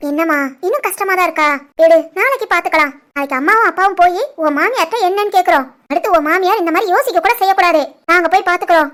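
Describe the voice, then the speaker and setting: A woman voicing a protective, fierce middle-aged mother in an animated family drama, with a stern, scolding manner and a Tirunelveli Tamil accent. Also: very high voice, fast talker, hardly any pauses.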